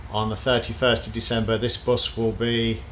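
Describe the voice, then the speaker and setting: A man's voice: fairly low pitch, little pitch movement, normal speed, fairly bright tone. A man giving a casual, explanatory vlog commentary from inside a parked bus. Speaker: bus enthusiast presenting a video. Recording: noisy vehicle ambience.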